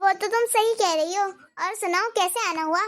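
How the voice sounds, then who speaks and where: A woman's voice: very high-pitched, moderate pace, a bit bright. Woman voicing a wise, firm cartoon mother-in-law. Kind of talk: cartoon dubbing.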